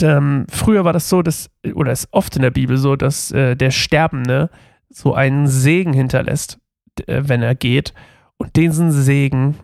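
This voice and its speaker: Gravelly mellow-voiced man reading aloud. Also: mid-range voice, no room sound, clean studio sound. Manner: reads steadily with small slips and restarts, then talks loosely with fillers. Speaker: Bible reading podcast host. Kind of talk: reading a Bible passage aloud, then casual commentary.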